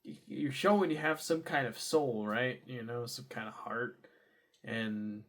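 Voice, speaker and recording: Young guy rambling through his day in a vlog, lots of um and like, pops into loud high yelps. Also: unhurried. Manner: rambling, with many fillers and restarts; bursts into loud high exclamations. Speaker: vlogger. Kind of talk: casual diary vlog.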